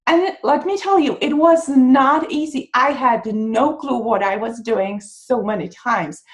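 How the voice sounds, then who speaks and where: Czech-accented woman in her 30s, high and upbeat, pitching her business over webcam with punchy emphasis. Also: unhurried. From Czech Republic. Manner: upbeat, emphatic, pitch jumping on key words. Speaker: online business coach. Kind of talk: enthusiastic sales pitch over slides.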